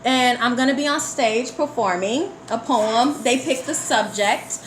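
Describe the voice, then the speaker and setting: During a live online broadcast from an indoor room, a woman appears as an interview guest, chatting casually in an earnest, motivational way. Her voice is a little high and unhurried, and the live sound is roomy with faint noise.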